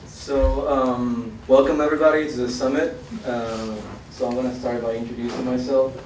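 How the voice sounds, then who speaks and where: A young man from Argentina, a student giving a conference presentation, halting with many fillers. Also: mid-range voice, little pitch movement, a little mellow, slight background noise. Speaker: student researcher. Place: college event hall. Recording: roomy hall, mic far off.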